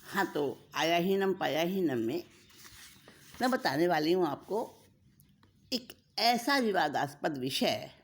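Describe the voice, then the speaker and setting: A woman narrating a moral story in an expressive, dramatic way. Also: lowish voice, takes it slowly, pauses often. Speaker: storyteller, religious speaker.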